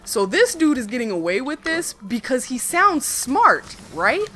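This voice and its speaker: A woman co-hosting a casual livestream chat, ranting in a profane, animated way. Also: sits high, measured pace. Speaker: streamer co-host.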